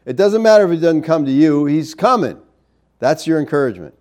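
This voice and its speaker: A man preaching a sermon, arguing point by point in an animated, incredulous way and pressing rhetorical questions. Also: a little high, brisk.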